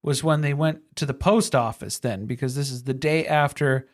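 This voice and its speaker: A podcast co-host talking through a movie plot at a mid pitch. The delivery is loose and rambling, with dry jokes slipped in along the way. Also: normal speed. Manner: rambling, wry, drifts into side jokes. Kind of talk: casual movie recap chat.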